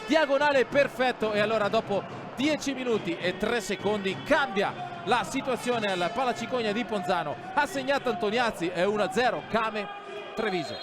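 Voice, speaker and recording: A man giving urgent, excited play-by-play goal commentary on a football match, rising to shouts at chances. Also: high-pitched, moderate pace, over music, a crowd in the background. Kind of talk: live Italian-style goal commentary, play-by-play. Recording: clearly noisy sports hall ambience.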